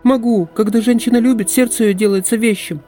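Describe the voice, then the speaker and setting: A woman's voice: a little high, steady tone, brisk, dark tone, soft background music, pitched above the performer's own voice, lightly acted. A man voicing a passionate young forest woman, pleading and intense in an audiobook. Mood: desperate.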